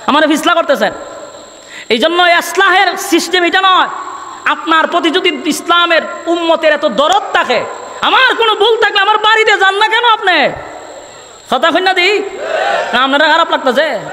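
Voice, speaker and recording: A very high-voiced man with a Sylheti Bengali accent preaches with a sharp, ringing tone, moving from a melodic chant into loud shouted lines. His voice carries a long reverb over faint background noise. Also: lively intonation, normal speed, a faint crowd. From Bangladesh. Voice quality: chanting, sing-song delivery with loud shouted peaks. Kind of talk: sermon.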